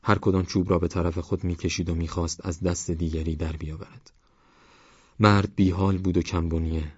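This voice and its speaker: A man narrating an audiobook in a calm, measured, even reading voice. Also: deep voice, slightly rough, no room sound, highs cut off.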